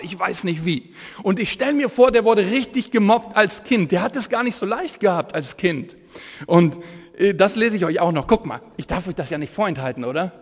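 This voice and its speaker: Fervent male evangelist in his forties, lively storyteller, high voice, echoey church hall. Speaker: evangelist preacher. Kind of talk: energetic sermon with Bible storytelling.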